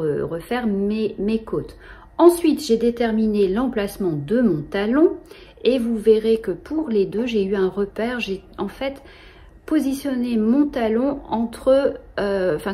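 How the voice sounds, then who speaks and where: A middle-aged woman, hosting a knitting show in a casual, halting way with many fillers. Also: mid-range voice, warm tone. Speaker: knitting podcast host.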